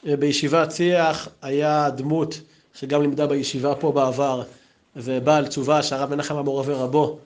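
A man giving an anecdotal memorial talk as a yeshiva teacher, telling stories in a lively way. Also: fairly high pitch. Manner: lively, storytelling, acts out quotes.

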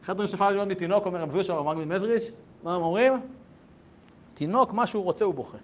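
A man teaching a religious lesson to a group, firing rhetorical questions and swinging between hushed asides and loud bursts. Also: sits high, highs cut off, slight background noise. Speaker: rabbi teaching a class.

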